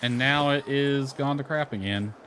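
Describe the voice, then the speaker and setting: During a casual game livestream, a man rambles through his commentary and mildly grumbles. He speaks at normal speed in a mid-range voice that's a bit bright, with slight background noise and music playing.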